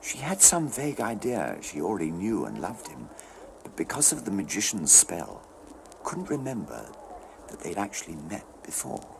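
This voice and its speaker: A man's voice: sits low, huge pitch swings, moderate pace, gravelly, background noise. A man narrating a scripted children's story dramatically as its storyteller.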